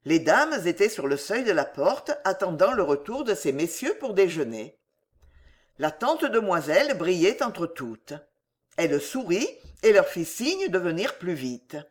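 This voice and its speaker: An audiobook narrator reads a classic novel unhurriedly. The delivery is measured, with a lively, wide-ranging melody. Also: mid-range voice. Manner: expressive, measured reading.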